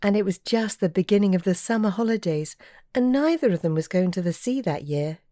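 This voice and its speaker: Woman reading a storybook, mellow, dry close sound, gentle pace. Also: mid-range voice, expressive, fairly quick, no room sound. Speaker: audiobook reader. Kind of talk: storybook narration.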